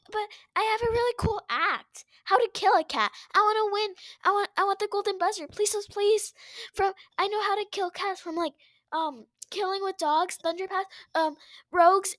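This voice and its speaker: A woman's voice: very high-pitched, normal speed, fairly bright tone, no room sound, voice pushed up. A woman voicing a scheming male villain cat leader who stumbles over his words. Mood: whiny pleading. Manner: pleading then sly, stumbling over words.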